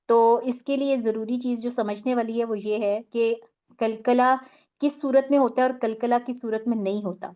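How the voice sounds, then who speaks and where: A woman's voice: a little high, steady tone, warm tone. A woman teaching a tajweed lesson on Quran recitation, explaining patiently step by step with many fillers and English words mixed in.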